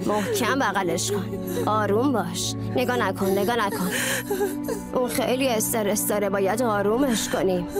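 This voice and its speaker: A woman's voice: mid-range voice, lightly acted. A woman dubbing film dialogue as a commanding female police team leader who speaks firmly. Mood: coaxing. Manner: firm, commanding. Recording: music score underneath.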